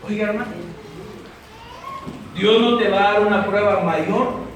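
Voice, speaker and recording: A man preaching as a pastor, telling an emotional story that climbs high and at times breaks into shouts. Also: unhurried, distant mic, slight background noise. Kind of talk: sermon. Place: church hall. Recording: echoey church hall, from the mic.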